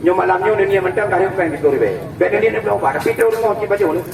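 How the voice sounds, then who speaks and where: A man with an Acehnese accent gives a joking, bantering sales pitch as a street medicine seller outdoors. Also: very fast, creaky, a crowd in the background. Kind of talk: comic open-air sales pitch. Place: outdoors in a town square. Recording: distant, echoey, noisy outdoor recording.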